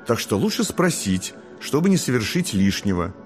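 A man voicing a young, rebellious and curious girl angel who talks in excited squeals. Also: medium pitch, normal speed, faint music behind, lightly acted. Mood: earnest.

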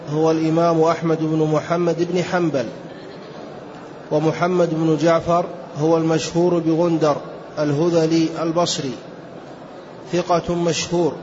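Man, student reading aloud, flat level delivery, fairly high voice, lo-fi with faint hiss. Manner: steady, flat recitation. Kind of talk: reading a classical text aloud. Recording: dull lo-fi recording with faint hiss.

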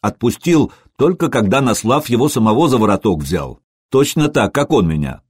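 A man's voice: medium pitch, sing-song, normal speed, darkish tone, husky, no room sound. A man voicing a young soldier who reports plainly to his chief. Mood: matter-of-fact.

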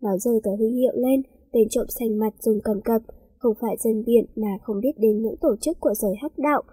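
A woman narrating a story aloud in a steady, plain reading voice. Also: fairly high pitch, fairly quick, slightly rough, no room sound, rough recording.

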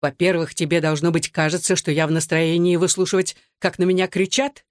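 A man's voice: on the high side, level tone, fairly quick, no room sound, clean studio sound, close to an everyday voice. A reader voicing a drunk, angry young husband in an audiobook, harsh and menacing toward his wife. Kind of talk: audiobook dialogue.

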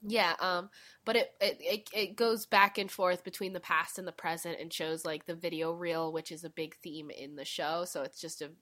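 A woman's voice: lowish voice, steady tone, moderate pace, a bit bright. A woman with a nasal voice co-hosting a casual chat, talking with lots of "like" fillers. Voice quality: nasal right now. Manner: chatty, with many "like" fillers. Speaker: podcast co-host.

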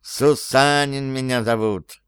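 A man voicing a skittish old male house spirit with a shrill, whiny squeal. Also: fairly even intonation, takes it slowly, a bit bright, smooth, no room sound, clean studio sound. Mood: grumbling.

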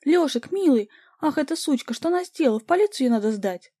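A woman voicing a hysterical young girlfriend, shrill and wailing. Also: expressive, fast, mellow, no room sound, studio quality.

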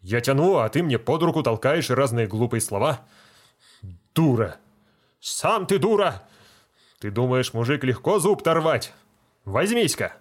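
A man's voice: medium pitch, expressive, a little slow, lightly acted. A man playing a pompous, self-important village medical assistant who lectures and scolds. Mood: scolding.

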